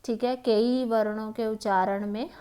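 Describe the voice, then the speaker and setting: Woman, Himachali Hindi accent, exam prep teacher, patient explaining, slightly high voice, unhurried delivery. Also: steady tone, mellow, clear, resonant tone. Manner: patient, repeats "ठीक है" and "है ना", many hesitations. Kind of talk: explaining Hindi grammar questions.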